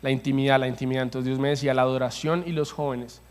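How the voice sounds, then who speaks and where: A man's voice: mid-range voice, level tone, quick pace. Passionate male preacher in an echoing church hall. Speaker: pastor. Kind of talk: sermon. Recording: long hall reverb.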